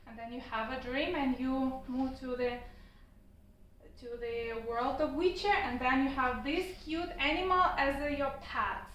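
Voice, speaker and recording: A woman with a high voice speaks cheerfully at a club meeting and laughs often. She is far from the mic, the room echoes strongly, and a faint background hum is present. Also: steady tone, unhurried, fairly bright tone. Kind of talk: impromptu speech at a club meeting.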